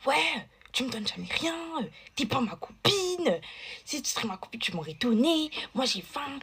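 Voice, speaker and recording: A woman's voice: high voice, very animated, normal speed, fairly bright tone, slightly rough, voice pushed up, heavily acted. A woman putting on the voice of a greedy schoolgirl, complaining and pouty. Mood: whiny. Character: whiny greedy schoolgirl demanding sweets.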